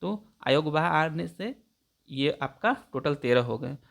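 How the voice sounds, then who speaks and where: A man's voice: on the high side, measured pace, gravelly, a bit bright. A man teaching grammar for exam preparation, explaining each point step by step and repeating definitions to check understanding. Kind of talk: exam-prep grammar lesson.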